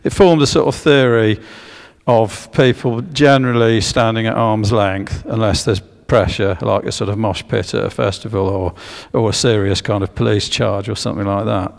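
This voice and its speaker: A man's voice: lowish voice, fairly even intonation, moderate pace, creaky. A man giving a public history talk with slides, hesitant with many fillers and restarts, drawing guesses from the audience. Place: church. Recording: long echo of a church hall.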